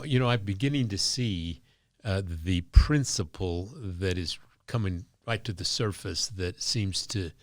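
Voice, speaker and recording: Man, podcast host, very deep voice, enthusiastic interviewer, dry close mic. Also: no room sound. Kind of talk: interview hosting.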